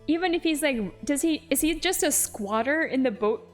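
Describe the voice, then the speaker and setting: Giggly woman streamer, higher-pitched voice. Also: lively intonation, normal speed, faint music behind. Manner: giggly, playful. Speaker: game streamer. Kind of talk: live stream chat with game dialogue read aloud.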